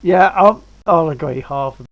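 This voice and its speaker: Man, casual stream chat, self-deprecating, gravelly fry. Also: fairly high pitch, moderate pace, muffled recording. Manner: chatty, self-deprecating, wordy. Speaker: stream guest.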